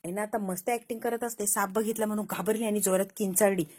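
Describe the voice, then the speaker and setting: A woman's voice: mid-range voice, fairly even intonation, fast talker, a little mellow. A woman retelling a TV serial episode in a casual storytelling manner, voicing the characters' lines herself. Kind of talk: casual storytelling recap with acted dialogue.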